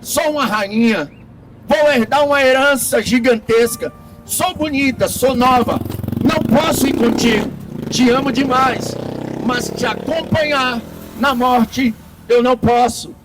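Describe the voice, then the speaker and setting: A man's voice: extremely high pitch, a little slow, far from the mic, loud music behind the voice. A man voicing a vain, beautiful young queen who talks in a self-assured, dismissive way.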